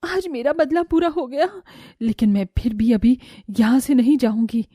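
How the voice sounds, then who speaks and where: A young cartoon mother in disguise, voiced by a woman, earnest and sweet. Her voice sits very high yet sounds mellow, in a dry studio recording. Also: moderate pace, dry recording, close to an everyday voice. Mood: quietly resolute. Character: young mother posing as a kindly stranger.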